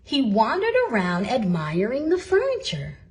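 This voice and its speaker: A woman reading a storybook aloud for toddlers with expressive, dramatic and deliberate emphasis. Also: fairly high pitch. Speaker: storybook reader.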